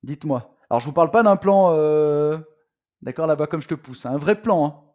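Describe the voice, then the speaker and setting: A business coach with a somewhat high voice and moderate pace runs a live online masterclass for would-be entrepreneurs, lively and friendly, calling listeners "les amis" and using lots of fillers and restarts. The sound quality is lo-fi.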